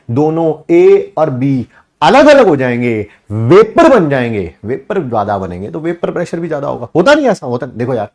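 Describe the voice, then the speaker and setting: A male teacher giving a classroom lecture, joking and quizzing his class. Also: fairly high pitch. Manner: animated, jokey, asks class questions.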